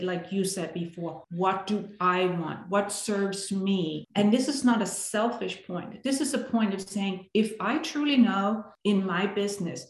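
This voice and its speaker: A woman from Denmark, a coach talking earnestly in a podcast conversation and often checking in with "right?". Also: medium pitch. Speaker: guest, coach for high achievers. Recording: roomy, echoey sound.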